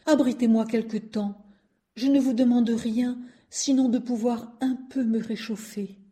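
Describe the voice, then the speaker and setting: A woman's voice: fairly high pitch, steady tone, a little slow, pitched above the performer's own voice, natural voice. A woman voicing a small lost seed, timid and pleading, in a storybook reading. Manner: soft, pleading.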